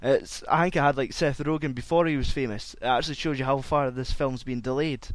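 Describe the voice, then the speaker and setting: A man's voice: mid-range voice, steady tone, fairly quick, no echo. A man hosting a casual chat, loose and rambling. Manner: loose and rambling, laughs a lot. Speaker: podcast host.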